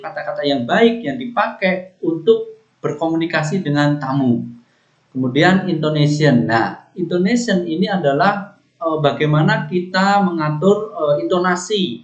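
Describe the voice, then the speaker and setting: A man working as a hospitality trainer, giving an unhurried instructional lecture over slides and explaining each point step by step. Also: on the high side. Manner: unhurried, explanatory, ends points with a tag phrase. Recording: echoey room, dull lo-fi sound.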